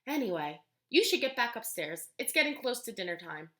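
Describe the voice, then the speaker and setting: A woman voicing a kindly old male storyteller who speaks slowly and gravely, in an echoey room. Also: a little high, very animated, a bit bright. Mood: gentle.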